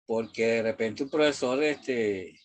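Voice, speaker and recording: A man's voice: mid-range voice, measured pace. Rambling Venezuelan man teaching math. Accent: Venezuelan Spanish. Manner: rambling, digressive, with frequent fillers and mild swearing. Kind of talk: casual classroom talk.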